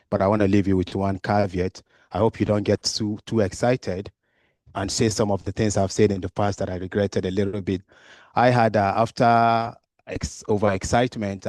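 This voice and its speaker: A man's voice: fairly low pitch, darkish tone, dry recording. A man giving an informal conference talk in a hesitant, conversational, joking manner. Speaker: conference speaker, health informatics director.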